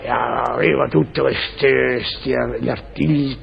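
An actor playing a bumbling man who stammers and mangles words in a radio comedy sketch, with a gravelly voice. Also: medium pitch, steady tone. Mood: muddled. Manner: halting, mixes up words, repeats syllables. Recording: dull lo-fi recording with audience laughter.

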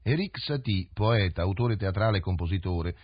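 A man giving a formal, measured radio announcement on a 1970s broadcast. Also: sits low, animated, breathy edge, no echo, faint music behind. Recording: dull dry 1970s radio studio recording.

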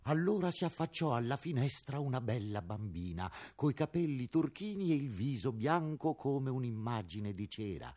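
A man narrating a classic storybook radio drama in an expressive, theatrical reading. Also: mid-range voice.

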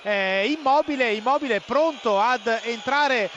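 A man giving excited, urgent play-by-play football commentary, repeating key phrases. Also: extremely high pitch, unhurried. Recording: dull, noisy broadcast feed.

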